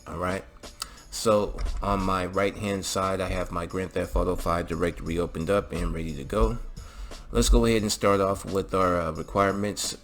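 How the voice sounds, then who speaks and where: Over background music, a man who runs a game-modding channel narrates a relaxed tutorial one step at a time in a low voice, peppering his informal guidance with "all right" and "okay."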